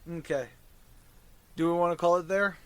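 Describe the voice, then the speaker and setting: A man's voice: a little high, fairly even intonation, normal speed, fairly bright tone, smooth, dry recording. A man casually narrating a tabletop fantasy game as the dungeon master and host.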